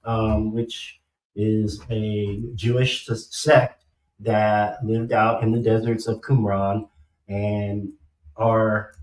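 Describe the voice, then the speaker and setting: A man speaks as a casual show host, his words muffled and a little slurred as though his mouth were packed with cotton. He goes haltingly, repeating words. The sound is echoey and somewhat far from the microphone. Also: fairly low pitch, little pitch movement, darkish tone. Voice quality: muffled, slightly slurred speech, like cotton in the mouth after dental work. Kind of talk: casual livestream talk. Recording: roomy echo, distant from the mic.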